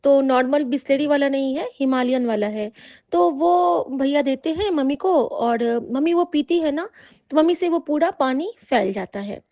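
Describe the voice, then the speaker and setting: A woman, a devotee, recounts a dream to a congregation in halting, rambling speech with many fillers. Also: high-pitched, dark tone, dry recording. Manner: addresses listeners as congregation. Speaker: devotee sharing an experience. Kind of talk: spoken testimony of a dream. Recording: dull lo-fi recording.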